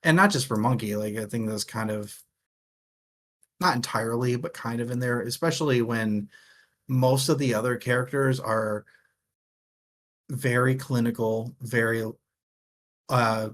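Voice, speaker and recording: A book discussion show co-host talks through a book casually and haltingly, his average-pitched voice fairly bright. He takes his time, often hunting for the next phrase, and tosses in offhand swearing.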